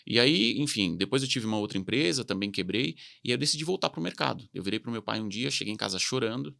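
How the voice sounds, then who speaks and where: Brazilian guy talking fast, gravelly voice, dry close sound, tells his story with lots of quoted lines. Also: fairly low pitch, dry recording. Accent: Brazilian Portuguese. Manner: candid, animated storytelling with quoted dialogue. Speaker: company CEO, podcast guest. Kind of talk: casual interview storytelling.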